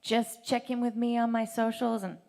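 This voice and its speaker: A woman's voice: on the high side, level tone, moderate pace, creaky, darkish tone. A woman singer-songwriter talking as a guest in a live radio session, playful and at times whispery. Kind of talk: live radio performance and interview. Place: radio station live music stage.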